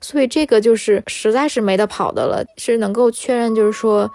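High-voiced woman telling her story. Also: fairly quick, gravelly. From China. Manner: animated, emotional retelling with many fillers. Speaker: storyteller recounting a scam. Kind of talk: personal story narration.

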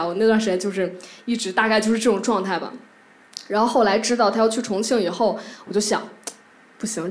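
On a theatre stage, a woman tells a personal story to a live audience, halting and emotional, restarting often and repeating words. Her voice is medium in pitch with a darkish tone.

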